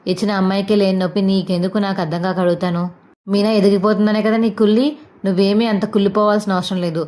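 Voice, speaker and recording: A woman's voice: mid-range voice, level tone, fast, a little mellow, close to an everyday voice. A woman voicing a hot-tempered young husband who taunts his mother in sarcastic jabs.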